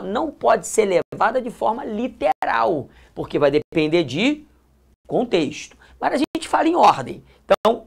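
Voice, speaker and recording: A woman with a Brazilian Portuguese accent teaches grammar in a classroom-style video lesson. Her mid-range voice is creaky, and she speaks emphatically, repeating key points and tossing in colloquial asides.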